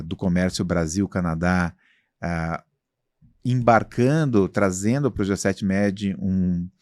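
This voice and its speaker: A man's voice: sits low, darkish tone, no echo, studio quality. A Brazilian man being interviewed about his company, talking in a self-assured, expansive way with many fillers. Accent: Brazilian Portuguese. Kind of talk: casual interview talk.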